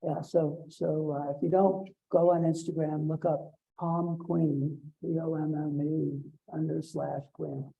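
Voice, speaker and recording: An older man giving an informal talk as a guest speaker, with a halting, unhurried, off-the-cuff delivery. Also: fairly high pitch, little pitch movement, gravelly, husky, phone-quality sound. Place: museum event room with audience.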